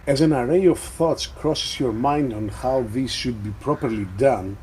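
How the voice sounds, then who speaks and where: A man narrating a tabletop role-playing game as game master, measured and descriptive. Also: medium pitch, darkish tone, a little hiss or hum, rough recording.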